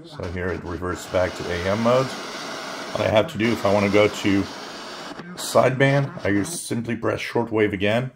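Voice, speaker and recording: A man giving a casual hands-on gadget demonstration as a reviewer, thinking aloud in halting short phrases. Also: on the low side, background noise. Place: indoors at a wooden table.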